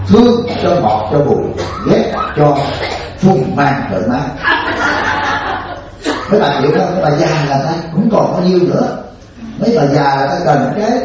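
Male monk, folksy teasing dharma talk, mid-pitched, heard from afar in a very echoey hall on a dull lo-fi recording. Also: darkish tone. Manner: folksy and joking, laughs often, checks in with listeners. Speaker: Buddhist monk teacher. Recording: distant, echoey, dull lo-fi with faint hiss.

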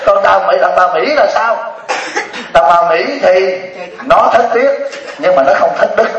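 A man giving a humorous Buddhist dharma talk to an audience, laughing often and asking them questions. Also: high voice. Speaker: Buddhist monk teacher. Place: hall before an audience. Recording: echoey distant lo-fi hall recording.

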